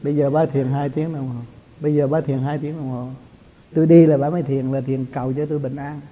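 A man's voice: on the high side, little pitch movement, fairly quick, mellow. A man, a spiritual teacher giving an informal, chatty talk to his followers and chuckling often. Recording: tinny lo-fi recording.

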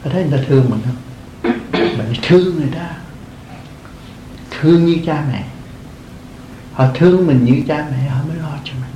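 Older monk giving a dharma talk, higher voice, roomy echo, faint rumble. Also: male voice, normal speed, pauses often, warm tone. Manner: earnest, repeats phrases, chuckles often. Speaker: Buddhist monk teaching. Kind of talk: dharma talk to lay followers.

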